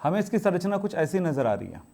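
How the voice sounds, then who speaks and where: A man's voice: high voice, big pitch swings, fast talker, creaky, warm tone. A man teaching a chemistry class, asking his students questions and answering them himself, strict about homework. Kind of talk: classroom lecture.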